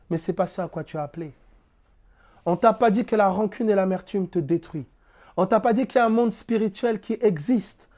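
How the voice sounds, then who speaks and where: A French man with a very high-pitched, warm voice explains spiritual ideas. He draws on everyday examples and rhetorical questions, keeping his language plainspoken and casual.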